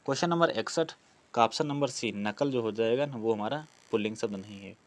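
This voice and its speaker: His voice is on the low side and his delivery brisk. This Hindi grammar teacher for exam preparation explains practice questions step by step in his lesson, asking questions and answering them on his own.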